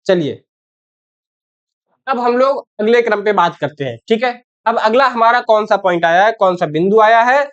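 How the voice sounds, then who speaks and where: A woman's voice: mid-range voice, animated, normal speed. Woman teacher quizzing pupils, lo-fi audio. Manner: repeats "theek hai" and quizzes pupils with questions; calls pupils "beta". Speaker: Hindi teacher. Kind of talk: online class lesson for 9th graders.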